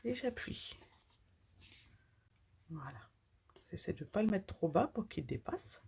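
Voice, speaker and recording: A woman's voice: lowish voice, sing-song, unhurried, gravelly, a little mellow, slightly rough. A woman from France chatting through a live card-making tutorial as she works with her hands, sometimes dropping to a near-whisper while she concentrates. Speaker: papercraft demonstrator.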